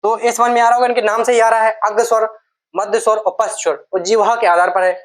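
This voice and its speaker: A woman's voice: on the high side, little pitch movement, fast. Hindi teacher woman quizzing herself. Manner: explains step by step, asks and answers her own questions, repeats terms. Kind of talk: online exam-prep grammar lesson.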